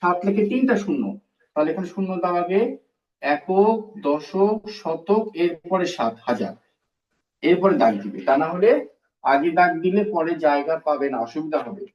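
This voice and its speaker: Animated and slightly high-voiced, a male teacher speaks at a normal speed with frequent pauses in a recorded primary math class. He explains each step, repeats terms, and quizzes the children, and the sound is roomy, distant and dull.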